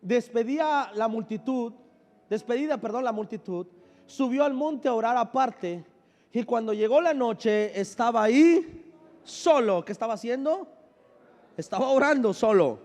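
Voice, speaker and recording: A man's voice: very high voice, animated, unhurried, darkish tone. A man pastor preaching a sermon, leading the congregation in call-and-response with joking asides, sounding a bit unwell. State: unwell, says he is sick. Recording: long hall reverb.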